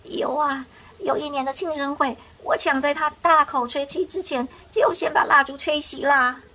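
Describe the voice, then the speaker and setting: A woman's voice: high voice, moderate pace, pushed and bright. A woman reading to a young child, voicing a mischievous, sheepish elderly great-grandmother in a picture book. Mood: reminiscing.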